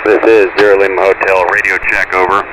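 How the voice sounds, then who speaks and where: A man's voice: sits low, completely flat delivery, fast talker. A man operating a station on a radio net, speaking in clipped call signs and ending each turn with "over", heard over a two-way radio like a walkie talkie. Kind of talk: formal radio procedure calls. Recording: muffled radio transmission with static.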